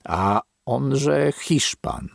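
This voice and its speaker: A suspicious, grumbling old grandfather, as a male audiobook reader puts him on, his voice gravelly and husky. He speaks slowly, muttering his words, pitch swinging widely. The recording is dry and close. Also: sing-song, no echo, full character voice. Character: old man, grandfather, superstitious and wary. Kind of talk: audiobook character reading.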